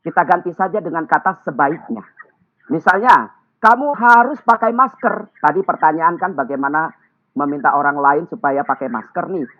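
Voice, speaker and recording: A man giving a webinar talk as a public speaking trainer, speaking clearly and articulating every sound. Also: a little high, moderate pace. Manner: clear, carefully articulated, lively teaching delivery. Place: remote video call. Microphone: computer or phone mic on a video call. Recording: tinny phone-like online call audio.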